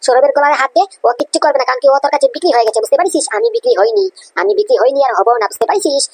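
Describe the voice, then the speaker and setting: A woman voicing a defiant, honest young male police officer in a cartoon comedy, scolding in a rapid tirade. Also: sits high, expressive, vocal fry, a little mellow, no room sound. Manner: scolding, rapid, repeats "understand?".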